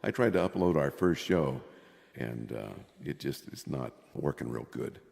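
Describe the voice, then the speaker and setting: A man's voice: extremely low pitch, animated, measured pace, gravelly, a little mellow. An older man hosting a podcast in casual chat, his voice soaked in cave-like reverb. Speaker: podcast host.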